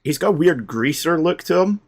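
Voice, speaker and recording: A man co-hosting a casual film discussion podcast, pausing often with "um" and "uh" and laughing often. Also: a little high, expressive. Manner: halting, with frequent "um" and "uh". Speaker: podcast co-host.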